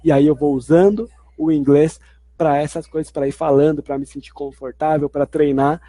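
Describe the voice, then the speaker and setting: A man's voice: fairly high pitch, fairly even intonation, normal speed, warm tone, no room sound. A man teaching a video lesson in an explanatory way, restating each point twice. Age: adult. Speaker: language teacher.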